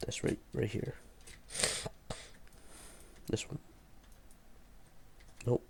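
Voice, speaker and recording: Speaking extremely slowly in a mellow voice, a man who sounds ill offers a loose, uncertain gameplay walkthrough, musing aloud as a video creator explaining his build. Behind him there's clear background noise and the clicking of a mouse and keyboard.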